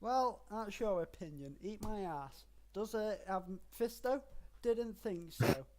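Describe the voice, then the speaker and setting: A man co-hosting a podcast, bantering and swearing, and often trailing off into quiet asides. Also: sits high, expressive, takes it slowly, background noise. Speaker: podcast co-host. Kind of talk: casual banter.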